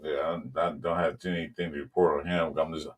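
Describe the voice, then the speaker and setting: A man with a Southern California accent hosts a casual sports podcast in a low voice. He rambles loosely, filling gaps with ums, and breaks off to greet people in the chat. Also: little pitch movement, fast. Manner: loose, rambling delivery with many ums, greets viewers mid-talk. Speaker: podcast host.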